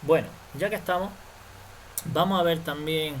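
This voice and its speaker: A man's voice: on the high side, slight background noise, rough recording. A man teaching a language lesson, explaining patiently and checking understanding again and again. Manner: slow, patient explaining with frequent "vale?" checks.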